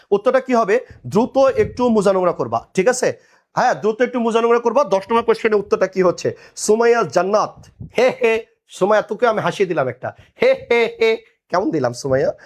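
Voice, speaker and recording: A young man teaches an online admission class, drilling answers and teasing students. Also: high-pitched. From Bangladesh. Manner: drilling call-and-response, repeating answers.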